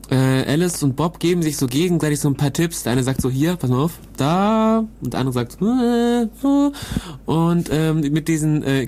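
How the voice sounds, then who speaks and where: A man co-hosting a podcast, explaining a technical topic in a loose, hesitant way, often pausing to search for words. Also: on the high side, dark tone, slight background noise. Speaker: podcast co-host explaining cryptography. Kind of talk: casual explanatory podcast chat.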